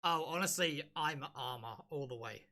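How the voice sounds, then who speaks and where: A podcast host chatting excitedly and rambling about a video game, with many restarts. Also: medium pitch, moderate pace. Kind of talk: casual gaming podcast chat.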